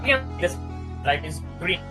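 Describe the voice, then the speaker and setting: A man chatting on a live stream over an online call, his voice dropping out through a bad internet connection. His phrases come out halting and broken off, with a lively, bouncing pitch. Music plays clearly underneath. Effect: voice cutting out over a bad internet connection. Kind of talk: casual live-stream chat. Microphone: online call microphone.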